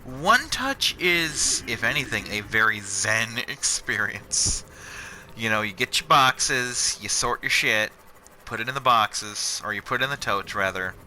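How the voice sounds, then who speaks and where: A man's voice: on the low side, animated, unhurried, pushed and bright, a little hiss or hum. A young man chatting casually and swearing freely as he plays a video game and rambles about work. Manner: rambling, profane, sarcastic. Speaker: channel host playing a video game. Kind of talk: casual chat over gameplay. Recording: game music behind.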